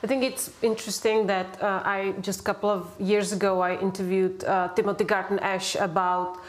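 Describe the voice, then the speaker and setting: A woman journalist hosts a public panel debate, thinking aloud as she goes. Her delivery is halting and full of fillers, and her pitch stays flat and even. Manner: reflective, halting, many fillers.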